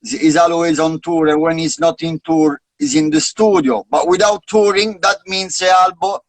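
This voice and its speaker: As guest interviewer on a casual live video call, a native Italian speaker from Italy poses his questions in English, mixing in bits of Jamaican patois. He talks at a moderate pace with fairly even intonation in a voice on the high side, recorded dry.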